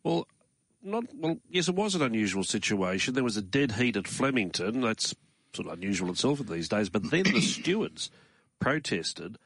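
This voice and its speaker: A man with an Australian accent hosting a morning racing talk show from a studio in a measured, conversational way. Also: fairly low pitch, sing-song, fairly bright tone, breathy edge, dry recording. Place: radio studio.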